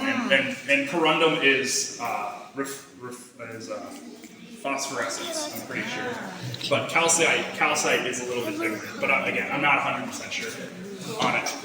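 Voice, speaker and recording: A man's voice: mid-range voice, lively intonation, normal speed, far from the mic, crowd noise. A man working as a tour guide, talking theatrically to a group and quizzing them inside an echoing cave.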